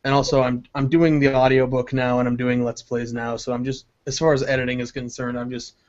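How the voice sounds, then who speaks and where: A man's voice: medium pitch, little pitch movement, brisk. A man of about twenty co-hosting a podcast in casual, conversational talk. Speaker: podcast co-host. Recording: dull lo-fi audio.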